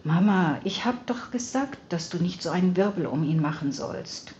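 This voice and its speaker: A woman's voice: fairly low pitch, animated, moderate pace, darkish tone, lo-fi sound, slight background noise, lightly acted. A woman voicing a weary, stressed young teacher.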